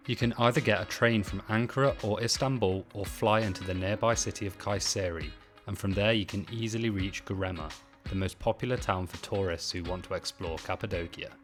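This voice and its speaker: Low-voiced British man narrating travel. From Britain. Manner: measured, informative. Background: music.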